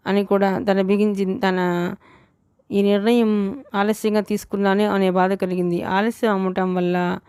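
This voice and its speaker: Woman narrator, audiobook reading, smooth clear voice, flat even tune, self-corrections. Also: mid-range voice, dry recording, studio quality. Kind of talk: novel read aloud.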